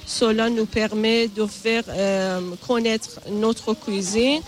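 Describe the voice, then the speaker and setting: Slow, careful Iranian woman caterer. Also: a little high, steady tone. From Iran. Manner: slow, careful, hesitant with fillers. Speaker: caterer interviewee.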